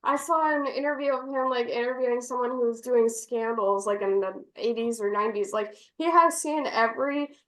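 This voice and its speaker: A woman's voice: fairly high pitch, a little fast, echoey room, poor audio. A woman co-hosting a sports podcast, chatting bluntly and frankly, with casual swearing. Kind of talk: casual chat.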